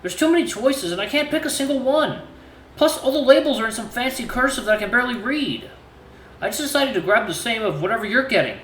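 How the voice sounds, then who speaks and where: A man's voice: very high-pitched, animated, fast, a bit bright, echoey room, slight background noise, pitched above the performer's own voice, poor audio. A man voicing a timid young male date in a story, hesitant, earnest and self-conscious. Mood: nervous, earnest.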